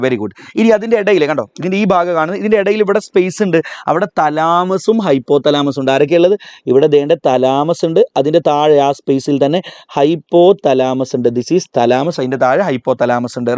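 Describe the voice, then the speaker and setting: A man with a Malayali accent teaches a live online biology revision class, having students repeat terms aloud and slowly spelling out key words. His voice is a little high and darkish, with no room sound.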